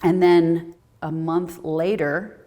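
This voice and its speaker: A middle-aged woman, a guest on a talk show, telling a personal story in conversation and acting out the quoted dialogue with big jumps in pitch. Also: flat delivery, takes it slowly, warm tone.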